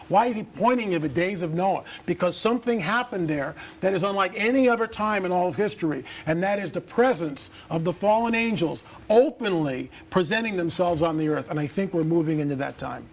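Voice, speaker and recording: A man's voice: high-pitched, fairly quick, few pauses. Confident, storytelling male guest. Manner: confident storytelling, emphatic, declarative. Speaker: interview guest, researcher. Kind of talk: TV interview.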